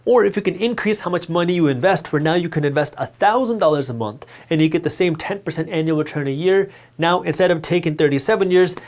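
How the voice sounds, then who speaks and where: A man teaching personal finance straight to camera, emphatic and repetitive as he hammers his key points. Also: fairly high pitch. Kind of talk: direct-to-camera explainer.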